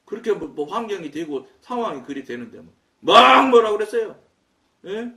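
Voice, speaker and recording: A man preaching a sermon, telling a story in an animated, loud way and acting out his own quoted words. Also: high-pitched, moderate pace. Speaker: pastor. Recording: echoey room, mic at a distance.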